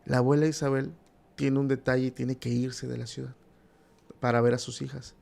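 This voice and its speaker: A man's voice: mid-range voice, level tone, moderate pace, gravelly, darkish tone. A man, a podcast guest retelling a horror story in a conversational way with many asides.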